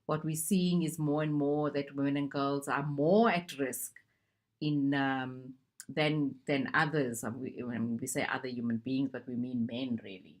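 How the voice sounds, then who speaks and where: A woman's voice: rumbling low, fairly even intonation, unhurried. A woman from South Africa who works as a gender advisor, presenting a recorded conference talk in a conversational way with hesitant fillers.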